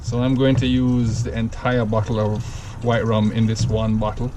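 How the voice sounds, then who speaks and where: Amid a noisy background, a man from Jamaica demonstrates a drink recipe in a casual, step-by-step home cocktail vlog, in a rambling, self-correcting style with a Jamaican accent. His voice is fairly low, moderately paced, and shows little pitch movement.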